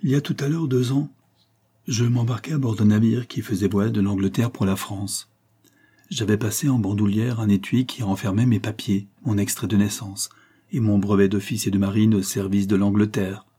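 A man voicing a young melancholy convict and former naval officer in an audiobook, grave, measured and sorrowful, with a husky low voice. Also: steady tone, dark tone.

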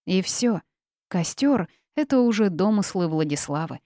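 A woman reading the part of a stern, sharp-tongued old grandmother witch in an audiobook, curt and scolding. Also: mid-range voice, lively intonation, moderate pace, no room sound, clean studio sound, close to an everyday voice.

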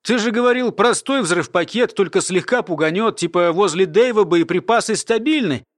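A man's voice: high voice, lively intonation, moderate pace, no echo, clean studio sound. A man voicing a puzzled male accomplice who grumbles colloquially.

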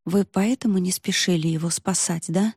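A woman's voice: on the low side, normal speed, darkish tone, slightly rough, dry recording, clean studio sound. A woman voicing an outspoken young heroine in an audiobook, frank and direct.

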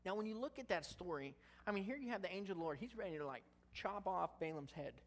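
A man's voice: high voice, animated, quick pace. Male pastor, casual sermon, conversational and humorous between scripture readings. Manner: conversational, jokey asides while reading scripture.

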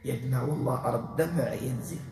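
A man leading an exorcism session, pleading and commanding, and chanting verses slowly. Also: mid-range voice, darkish tone, faint music behind. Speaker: exorcism healer. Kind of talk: exorcism session with Quran recitation. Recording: echoey hall, voice far from mic.

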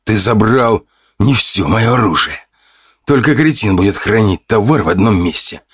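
A man plays a battered, exhausted man in an audiobook, pleading in a low, quiet voice. The recording is dry and close. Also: expressive, normal speed, slightly rough, no echo. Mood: urgent. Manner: weary, pleading.

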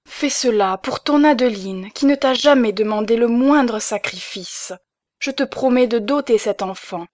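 A woman's voice: fairly high pitch, no echo, clean studio sound, pitched above the performer's own voice, lightly acted. A woman reading the part of an emotional middle-aged baroness who pleads urgently with her husband. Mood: imploring.

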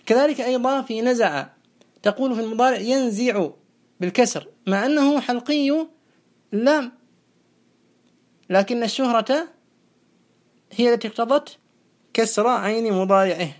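Patient grammar teacher, mid-pitched, measured classroom lecture with slow, repeated drills of word forms. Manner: methodical, spells out verb forms slowly and repeats them; asks questions and answers them itself. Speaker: teacher of Arabic morphology.

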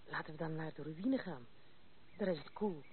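In an old Dutch radio play, an actress voices a proud, blunt, tomboyish young noblewoman who comes across as frank and self-assured, in a candid, reminiscing mood. Her low voice moves at a moderate pace, close to everyday speech. The recording is tinny, band-limited and noisy.

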